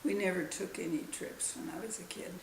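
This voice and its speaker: An elderly woman in her nineties with a gravelly, creaky voice. She answers questions slowly, searching for words and pausing often. The recording sounds roomy, with a faint hiss behind her. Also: fairly low pitch. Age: 90s. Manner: slow, halting recollection. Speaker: interviewee, grandmother. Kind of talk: casual family interview.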